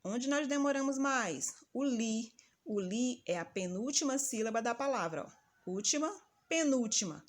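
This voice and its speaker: A woman teacher giving a patient, didactic lesson and calling out example words slowly and loudly. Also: a little high, expressive. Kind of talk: recorded grammar lesson for children.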